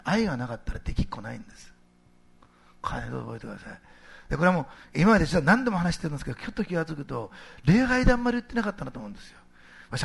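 A middle-aged male pastor giving a sermon in a conversational, animated way, posing rhetorical questions to the congregation. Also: fairly high pitch, vocal fry, slightly rough.

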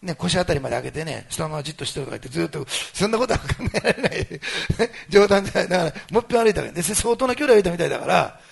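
Man, pastor, sermon, gravelly, fast-paced, animated storytelling, loud and soft swings. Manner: animated storytelling, swinging between loud exclamations and low asides.

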